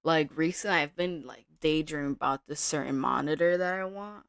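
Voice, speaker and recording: Relaxed woman thinking aloud on stream. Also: sits low, normal speed, gravelly, smooth, no echo, clean studio sound. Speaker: day trader streaming live. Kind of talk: casual live-stream commentary.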